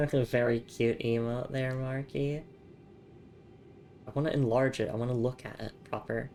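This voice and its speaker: A woman's voice: rumbling low, steady tone, unhurried, warm tone. Woman gamer streaming while sick, casual and giggly, reading chat aloud, faint background hiss. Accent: non-standard English accent. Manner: chatty, giggly, reads chat and in-game messages aloud. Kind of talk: casual live gameplay chat.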